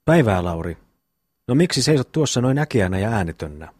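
A man reading the part of a steady grown brother who speaks in an earnest, urging way. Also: fairly low pitch, no room sound, clean studio sound. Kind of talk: audiobook reading.

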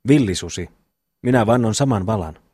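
A man reading an audiobook, voicing a hot-tempered, boastful young peasant brother with a husky voice. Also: lowish voice, lively intonation, warm tone, no room sound, studio quality. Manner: boastful, blunt storytelling. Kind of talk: audiobook reading of a classic novel.

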